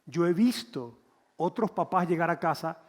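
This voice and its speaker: A pastor preaching in a lively, conversational way, slipping into acted-out dialogue. His voice sits slightly high for a man. It rings with the long reverb of a church hall. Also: normal speed. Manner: animated, conversational, acts out quotes. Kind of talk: sermon.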